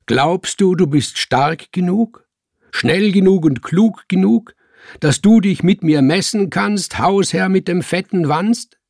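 A man's voice: high voice, slow pace, creaky, no echo, studio quality, voice pushed up, heavily acted. A man doing a cheeky talking tomcat. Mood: mocking. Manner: mocking, rhyming, shouting.

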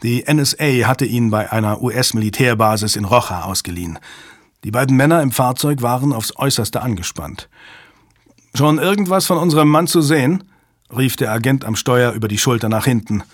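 Husky-voiced male audiobook narrator. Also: medium pitch, fairly quick, no echo, clean studio sound.

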